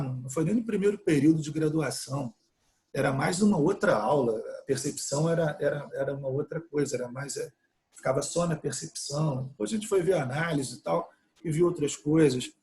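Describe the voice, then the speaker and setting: A middle-aged man from Brazil gives a music lesson in a fairly high voice. He explains patiently and casually, often checking in with his listeners and restarting his sentences as he thinks. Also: darkish tone. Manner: explanatory, many fillers like "né?", restarts. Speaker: music teacher. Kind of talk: online mini-course lecture.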